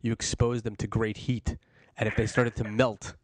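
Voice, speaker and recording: A man's voice: lowish voice, level tone, moderate pace, no room sound. A man hosting a casual talk show, who asks questions and tosses in playful, joking hypotheticals. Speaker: host.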